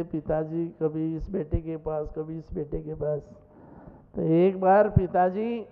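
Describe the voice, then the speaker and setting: A male monk giving a sermon, telling a story in an animated way with rising exclamations. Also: a little high, vocal fry. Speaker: Jain monk preacher. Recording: echoey hall, dull lo-fi sound.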